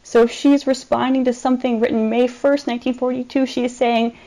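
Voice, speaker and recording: A woman giving a recorded presentation over slides, measured and explanatory, with frequent ums. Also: on the high side, little pitch movement, mellow, low-quality recording. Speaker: archivist presenting a collection.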